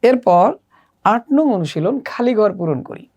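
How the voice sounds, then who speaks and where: A woman teaching children the Arabic letters, slowly and patiently working through a workbook one exercise at a time. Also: medium pitch, expressive, darkish tone. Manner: slow, patient step-by-step instruction. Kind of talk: workbook lesson walkthrough.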